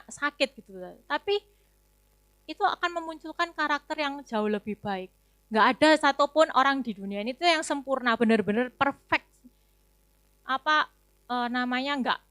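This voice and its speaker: A woman's voice: high voice, bright, forceful tone, dry recording. A young adult woman giving a chatty, conversational sermon testimony at a youth service, full of casual fillers. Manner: chatty, casual, many fillers and tag words.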